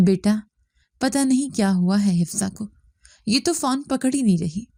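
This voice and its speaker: A woman voicing an older mother-in-law who speaks softly and plays the victim. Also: medium pitch, animated, no room sound. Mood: sly. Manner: soft complaining tone, plays the victim. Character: older mother-in-law, sly and self-pitying.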